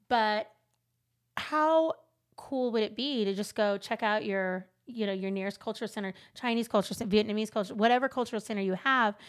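A middle-aged woman from Los Angeles co-hosting a casual chat, talking animatedly, slipping into accents and laughing often. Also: medium pitch. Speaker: podcast co-host.

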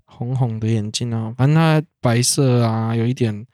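A man's voice: mid-range voice, moderate pace, darkish tone, dry recording. Taiwanese guy hosting a chill chat, explaining stuff, dry close audio. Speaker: podcast host running a quiz.

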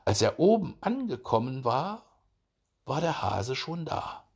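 A man reading a fairy tale aloud as narrator, measured and expressive. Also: mid-range voice, gravelly, slightly rough.

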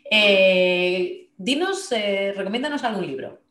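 A woman's voice: medium pitch, animated, slow, fairly bright tone. A woman hosting a podcast interview, prompting her guest with friendly questions. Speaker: podcast host. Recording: echoey room.

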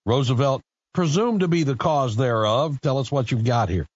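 A man's voice: medium pitch, lively intonation, moderate pace, breathy edge, no room sound, dull audio. Casual male talk radio host. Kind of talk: morning talk radio hosting.

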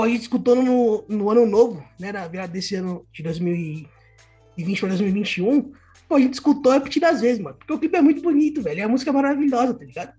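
A man's voice: high-pitched, mellow. Slangy young Brazilian man talking music. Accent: Brazilian Portuguese. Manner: informal, slangy, swearing. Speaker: music podcast panelist. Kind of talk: casual music discussion.

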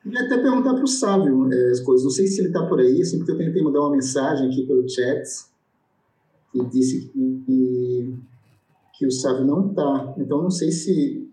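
Guy hosting a video call, dark mellow voice, rambles, lots of echo. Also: medium pitch, normal speed. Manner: warm, rambling, hesitant with restarts. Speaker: host of online panel. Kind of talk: casual online video call discussion. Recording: echoey room on video call.

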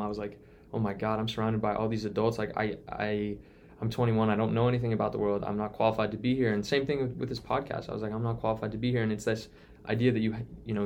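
A young man in his twenties with a fairly low voice talks in an earnest, reflective way, stopping and restarting as he thinks. A faint hiss of noise sits under the recording. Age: 20s. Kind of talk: casual conversation.

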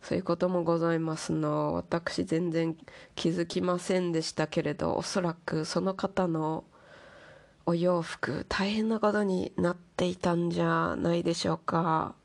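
Creaky-voiced woman talking like a refined lady. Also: lowish voice, steady tone, normal speed. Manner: playfully affected refined-lady speech with ornate polite endings. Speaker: host. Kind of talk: casual monologue talk to listeners.

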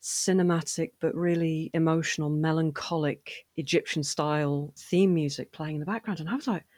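A woman chatting as a podcast guest, animated and quick to laugh, often restarting her sentences. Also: sits low, no echo, clean studio sound. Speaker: podcast guest, fan voice actor and writer. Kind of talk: casual interview conversation.

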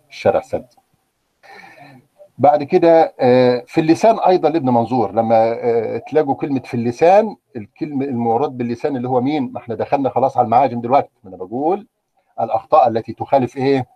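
A man's voice: mid-range voice, husky, dry recording, lo-fi sound. A man with an Egyptian Arabic accent teaching a live language lesson in a conversational way, often checking in with "okay?" and putting questions to his students. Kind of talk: live online grammar lesson.

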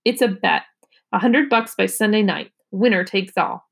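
A hot-tempered schoolboy, sulky and quick to taunt, as a woman reading a storybook puts him on. He speaks in the plain tone of a read-aloud. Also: mid-range voice, gravelly, slightly rough. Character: hot-tempered fourth-grade boy, rivalrous.

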